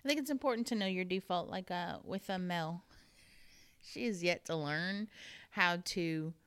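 A middle-aged woman chatting candidly on a podcast, self-deprecating and quick to laugh. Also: lowish voice, a bit bright, smooth. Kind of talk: casual chat.

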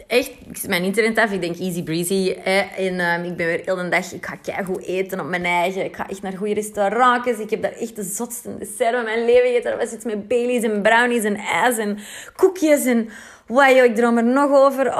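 A woman's voice: mid-range voice, fairly bright tone. A Flemish woman in her thirties from Belgium, chatting animatedly to her viewers in a casual storytime, with asides to them. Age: 30s. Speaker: vlogger telling a dating story.

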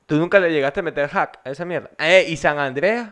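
A man's voice: fairly high pitch, brisk, fairly bright tone. A man in his thirties with a Venezuelan accent, co-hosting a casual podcast chat with crude, teasing banter. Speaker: podcast co-host.

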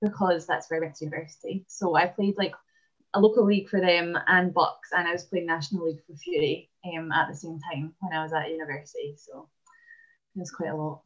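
A Scottish woman in her twenties, a basketball player and dentist, chatting casually in an interview with many "um" pauses. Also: lowish voice, fairly even intonation, slightly rough, dull audio. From Scotland.

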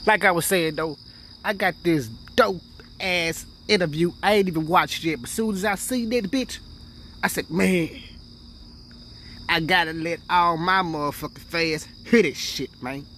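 A man hosts his own podcast in loose, profane street slang, peppering every thought with filler tags. His voice sits somewhat high for a man. Faint crickets and insects chirp in the background. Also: unhurried, bright, forceful tone, a little hiss or hum. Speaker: podcast host. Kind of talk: casual profane podcast chat.

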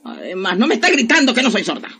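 A man's voice: high-pitched, very animated, quick pace, slightly rough, exaggerated voice. A man voicing a bossy, nagging wife in a radio play. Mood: scolding. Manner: nagging, sharp-tongued. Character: scolding bossy wife, middle-aged woman.

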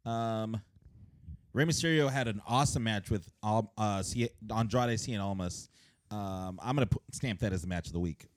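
A man's voice: on the low side, moderate pace, no echo, studio quality. A man co-hosting a casual wrestling chat, joking and recapping the week's matches, his voice a little sore. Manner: jokey, runs through the week's news. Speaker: podcast co-host.

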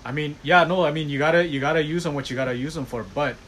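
A man's voice: a little high, fast talker, poor audio. A man with a Hawaiian accent talking in a casual chat, emphatic and preachy, often repeating his key phrases. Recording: loud wind noise outdoors.

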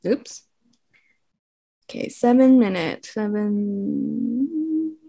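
A woman chatting casually as a comedy podcast co-host. Her voice sits high and swings widely in pitch, and she takes her time. She is crude and joking, swearing freely. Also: animated, drawn-out words, gravelly, dark tone, breathy edge, faint music behind. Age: young adult to middle-aged, mother of young children. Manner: crude, foul-mouthed, joking.

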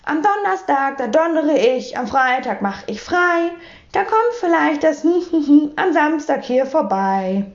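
An odd, mild-mannered gentleman from a storybook, giddy and sing-song, his lines bouncing with lively pitch, as a woman reading aloud puts him on. The sound is muffled and lo-fi. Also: takes it slowly, full character voice.

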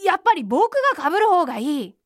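A woman's voice: high voice, sing-song, fast, no echo, studio quality. A woman voicing a proud, naive male rabbit in a children's storybook reading, lofty in manner and easily upset. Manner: lofty and generous, then frantic and shouting.

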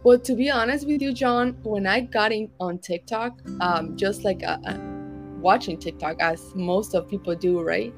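A woman's voice: mid-range voice, moderate pace, faint music behind. A woman from Argentina, a youth pastor speaking as a guest in a candid, joking way. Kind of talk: interview conversation.

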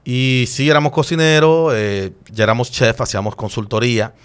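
A man, a chef guest in an interview, telling stories in an animated and emotional way with frequent restarts. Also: medium pitch, normal speed, clean tone. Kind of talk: casual interview storytelling.

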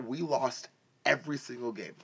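Here the voice is medium-pitched, gravelly, bright, and forceful, at normal speed, with a little hiss or hum in the audio. The speaker is a football player in his 20s with roots in West and East Africa and then Canada. As a podcast guest, he shares his personal story in bantering, slangy conversation.

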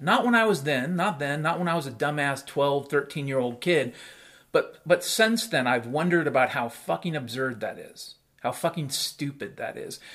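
A man's voice: medium pitch, fairly bright tone. A middle-aged man delivering a blunt, profane monologue as a talk host, repeating phrases for emphasis. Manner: emphatic repetition for effect. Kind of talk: ranting monologue.

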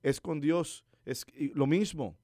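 A man's voice: a little high, takes it slowly, no echo, studio quality. A man preaching a conversational sermon, telling stories and putting questions to his listeners. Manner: animated storytelling preacher, asks listeners questions.

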